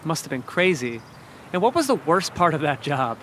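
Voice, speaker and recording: A man asking quick, upbeat rapid-fire questions as an interviewer. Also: a little high, sing-song, fairly bright tone, slight background noise.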